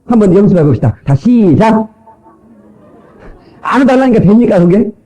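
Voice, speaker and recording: A man's voice: sits high, expressive, moderate pace, mellow, poor audio. A male pastor preaching a sermon in a church, joking with the congregation and mimicking people's voices.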